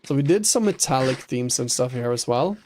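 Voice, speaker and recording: A man's voice: mid-range voice, animated, fairly quick, background noise. A man streaming a building game, thinking aloud and chatting with viewers, laughing easily. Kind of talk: casual chat while playing a building game.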